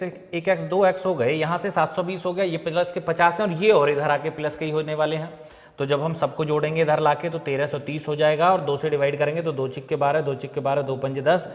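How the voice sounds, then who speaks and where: A man's voice: a little high, fairly even intonation, a little fast, big-room sound. A man teaching an exam-prep maths lesson, walking through each step and often checking that students follow. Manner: chatty, repeats steps and checks understanding.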